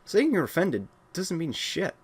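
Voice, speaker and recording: A man's voice: on the high side, huge pitch swings, measured pace, slightly rough. A young man from Wales ranting at home, blunt and exasperated, often restarting his sentences. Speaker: gaming channel host. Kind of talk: casual ranting monologue.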